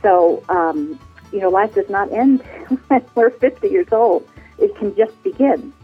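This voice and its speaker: An American woman in her sixties appears as a guest in a casual interview, bubbly and quick to laugh. Her medium-pitched voice is expressive, slightly rough and a little slow, with faint music behind her. It's a phone call, so the line sounds tinny.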